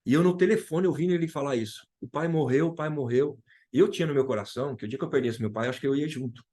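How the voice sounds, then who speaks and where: A man's voice: mid-range voice, rapid-fire, dark tone. A man from Brazil sharing an emotional personal testimony as a guest, retelling dialogue and repeating key phrases.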